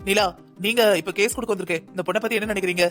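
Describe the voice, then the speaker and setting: A raised, very rapid male voice for a man playing a stern cartoon inspector who keeps his squabbling officers in line. He gives orders firmly, with soft music underneath. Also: high-pitched, steady tone. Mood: commanding. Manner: firm, commanding. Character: stern male police inspector, the team's boss. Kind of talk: cartoon dubbing.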